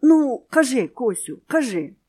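Storybook mother hare, anxious and fussy, high flustered pitch, read by a woman. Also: big pitch swings, unhurried, dark tone, husky, exaggerated voice.

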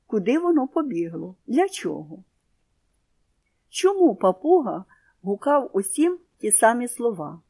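A woman reading a children's story aloud in an expressive storybook manner, then asking comprehension questions. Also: mid-range voice.

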